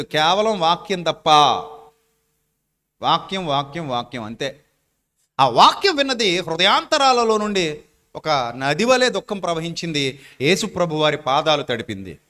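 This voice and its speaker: Man, middle-aged, high voice, sermon, rhetorical questions, repetition, loud and soft swings. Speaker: pastor.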